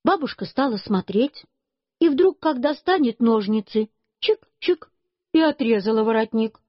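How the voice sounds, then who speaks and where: A woman's voice: on the high side, expressive, moderate pace, no room sound. A woman reading a children's story aloud in plain storytelling, told in a little boy's first person. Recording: dull lo-fi recording.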